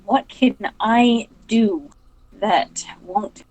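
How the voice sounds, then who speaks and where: A woman's voice: fairly high pitch, drawn-out words, darkish tone, dry recording, poor audio. A woman playing a tabletop game over voice chat, thinking aloud in a casual way and swearing when flustered.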